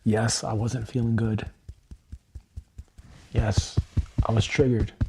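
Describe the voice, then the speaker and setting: A man in his thirties, streaming live as an EFT tapping practitioner, speaks slowly in a lowish, creaky yet mellow voice with a flat delivery. His words are sincere, repetitive affirmations full of swearing, and a faint hiss or hum sits under the recording.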